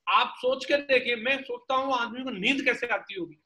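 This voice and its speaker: A male motivational speaker, his voice sitting very high and sounding bright and forceful. He pushes his points to a sales team in blunt street slang, firing rhetorical questions as he goes. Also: moderate pace, poor audio. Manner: punchy, colloquial, peppered with slang and rhetorical questions.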